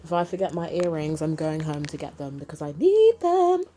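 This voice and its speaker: A woman's voice: sits low, very animated, normal speed, warm tone, a little hiss or hum. A woman in her twenties from South London, with an accent mixing London and Kent, answering viewer questions in a casual vlog from her bedroom, chatty and candid with frequent asides. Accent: London and Kent mix. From South London, England. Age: 20s. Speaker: vlogger. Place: her bedroom, sitting on a beanbag chair. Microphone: camera in front of her.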